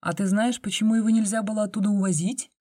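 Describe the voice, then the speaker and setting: A woman's voice: mid-range voice, fairly even intonation, fast, dark tone, no room sound, clean studio sound, voice pushed up, natural voice. A woman voicing a guarded young woman who asks wry, probing questions.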